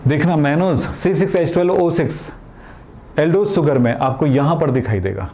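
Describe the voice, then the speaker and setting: A man's voice: a little high, expressive, moderate pace, mellow, slight background noise. A middle-aged man teaching a chemistry lesson in a chatty way, asking and answering his own questions and using everyday examples. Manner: colloquial, calls students beta, jokes. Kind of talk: chatty classroom lecture.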